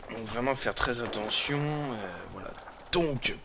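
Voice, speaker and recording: A man presents a video game in a casual, unscripted way. His mid-pitched voice is hoarse, as with a sore throat, and he halts and repeats himself as he goes. Gunfire and clicks from the game make the recording clearly noisy. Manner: hesitant, halting, repeats himself. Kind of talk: casual unscripted gameplay commentary.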